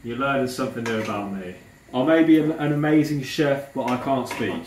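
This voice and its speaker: A man's voice: medium pitch, brisk. A man who pronounces his R's like W's, chatting informally to viewers as he presents a home cooking tutorial. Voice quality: speech impediment, says w for r. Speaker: home cook presenting a recipe video. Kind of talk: casual cooking tutorial chat. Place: indoors in a kitchen. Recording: roomy, distant mic, faint background noise.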